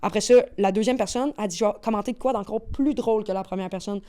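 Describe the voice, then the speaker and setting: A woman with a Québécois accent talks very fast in a relaxed podcast chat. Her speech is slangy and lively, one story tumbling into the next. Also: mid-range voice. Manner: rapid, slangy, animated storytelling. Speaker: guest, agency owner. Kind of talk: casual podcast conversation.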